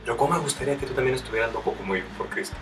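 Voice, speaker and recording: A fervent male preacher whose throat sounds strained. He calls the listener brother and builds into loud, emphatic bursts. He is picked up from a distance, with faint music underneath. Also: medium pitch, rapid-fire. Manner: addresses the listener directly as brother. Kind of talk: sermon.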